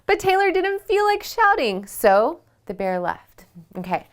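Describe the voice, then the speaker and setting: A woman leading a children's yoga storytime at home. She reads a picture book aloud and asks the kids gentle questions. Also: very high voice, big pitch swings, unhurried.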